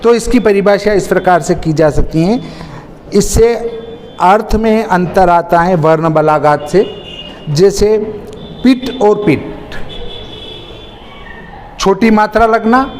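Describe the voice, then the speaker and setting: A man teaching a grammar lesson, slow and deliberate, drawing out single words and repeating key terms. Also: sits high. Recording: hall reverb with faint noise.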